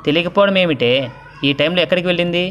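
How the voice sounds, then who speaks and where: A man voicing an anxious, scolding middle-aged mother in an audio story, pitching his voice up. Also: fast, fairly bright tone, dull audio, a little hiss or hum, lightly acted.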